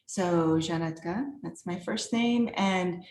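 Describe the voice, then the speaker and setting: A middle-aged art professor and guest artist from the former Czechoslovakia casually presents herself at a virtual reception in a lowish, slow, slightly mellow voice. She's upbeat and laughs a lot, and the echoey room leaves a little hiss or hum.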